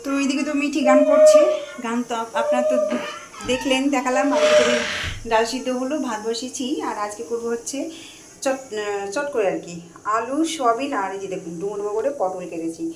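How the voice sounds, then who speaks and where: A middle-aged mother vlogs from her home kitchen, chatting to her phone camera and narrating as she cooks. Her voice is fairly high and fairly quick, and the room echoes with faint frying in the background.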